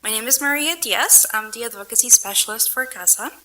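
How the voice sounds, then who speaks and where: A woman's voice: fairly high pitch, brisk, bright, forceful tone, poor audio. A woman advocacy specialist giving an earnest public comment at a city council meeting.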